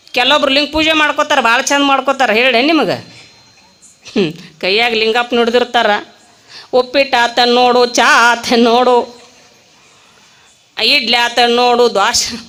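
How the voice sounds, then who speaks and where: Bright-voiced North Karnataka woman preacher. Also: a little high. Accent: North Karnataka Kannada. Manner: lively, storytelling, rustic, quick asides to the audience. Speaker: spiritual preacher. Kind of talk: comic religious discourse. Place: temple.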